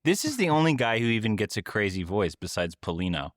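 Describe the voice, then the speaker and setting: A man's voice: very animated, fast, no room sound, clean studio sound. A man co-hosting a book podcast in casual, playful chat. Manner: playful, does goofy high voices while joking. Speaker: podcast co-host.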